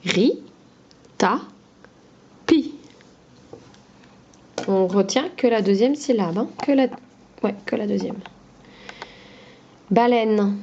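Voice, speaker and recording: A woman teacher leads a lesson for young children at a deliberately unhurried pace. She breaks words apart and sounds out each syllable with care. The recording is dull and lo-fi. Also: medium pitch, warm tone, slight background noise. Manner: slow, carefully sounding out syllables. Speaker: schoolteacher.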